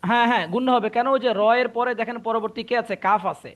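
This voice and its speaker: A man's voice: very high voice, fairly even intonation, quick pace, fairly bright tone. A man teaching Quran recitation in an online class, patiently repeating points and checking that students understand. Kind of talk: online tajweed class explanation.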